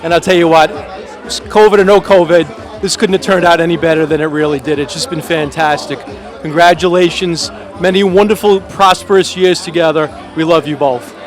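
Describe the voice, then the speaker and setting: A man's voice: a little high, steady tone, normal speed. A man giving enthusiastic congratulations to a newly married couple. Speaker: wedding guest. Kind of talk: upbeat wedding congratulations. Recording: crowd behind.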